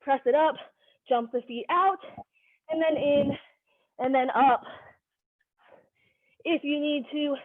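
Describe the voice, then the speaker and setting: A woman's voice: high-pitched, slow, long pauses. A woman leading a live online workout class, giving directive, short cues and counts as a fitness instructor. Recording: narrow phone-like sound.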